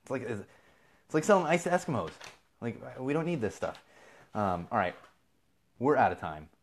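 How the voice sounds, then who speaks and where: A man's voice: medium pitch, very animated, moderate pace, a little hiss or hum. A man from Southern California hosting a live feed, ranting casually and with exasperation, swearing freely. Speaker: podcast host.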